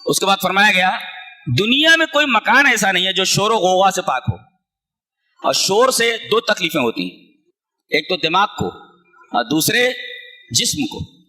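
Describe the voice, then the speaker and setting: Male preacher, high voice, bright and sharp, very lively pitch, rhetorical questions. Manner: animated preacher, rhetorical questions, quotes Arabic verses slowly. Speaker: Quran commentator. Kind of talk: Quran commentary lecture.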